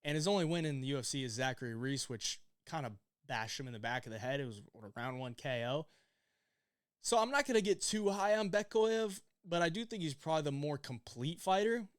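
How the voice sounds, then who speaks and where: Male host, fairly high smooth voice, dry close sound, loose opinionated delivery. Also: animated, fairly quick, no room sound. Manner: loose, opinionated, swears casually, many fillers. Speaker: UFC betting picks host. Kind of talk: casual fight predictions.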